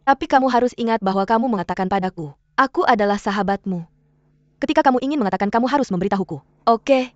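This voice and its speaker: A woman's voice: a little high, quick pace, darkish tone, dry recording, natural voice. Woman dubbing a pushy worried young friend. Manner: pressing, repeats questions. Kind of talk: drama dub. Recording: dull dry studio dub, faint music.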